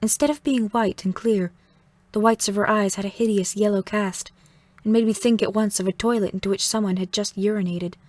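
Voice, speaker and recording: A woman reading a novel aloud in measured, vivid first-person narration. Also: medium pitch, steady tone, darkish tone. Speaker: audiobook narrator.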